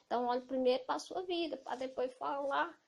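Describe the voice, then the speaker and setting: Loud Cearense Brazilian woman, fairly high voice. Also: fairly quick, gravelly. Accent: Cearense Brazilian Portuguese. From Ceará, Brazil. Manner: speaks loudly, indignant and emphatic. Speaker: evangelical vlogger. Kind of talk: casual monologue to camera. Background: noisy children.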